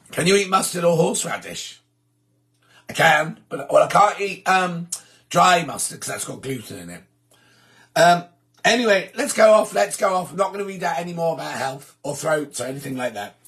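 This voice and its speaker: Chatty male livestream host, throat hoarse and sore, voice sits a touch high, rambling and self-deprecating. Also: animated, normal speed, fairly bright tone. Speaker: livestream host reading viewer comments. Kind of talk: casual chat with viewers.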